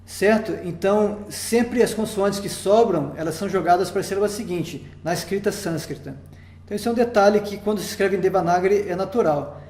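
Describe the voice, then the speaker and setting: A man's voice: high voice, brisk, a little mellow. A man with a Brazilian Portuguese accent teaching Sanskrit in a recorded lesson, explaining patiently step by step and often checking in with his listeners. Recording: roomy echo.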